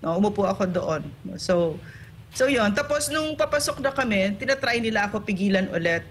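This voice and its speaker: A woman's voice: medium pitch, lively intonation, moderate pace, slight background noise. A woman political commentator in an online interview, talking indignantly and firing off rhetorical tag questions.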